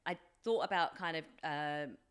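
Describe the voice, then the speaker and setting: A British woman in her forties, from England since age three, speaks as a guest on a podcast, where she works as a life coach. Her low-pitched voice is smooth and at normal speed, and she reflects on herself informally and hesitantly, using many filler phrases.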